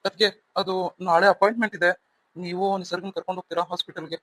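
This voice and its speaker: A man's voice: high-pitched, fairly even intonation, fast, bright, forceful tone, dry recording, rough recording. A man voicing a remorseful young husband in a cartoon story, speaking earnestly and pleading.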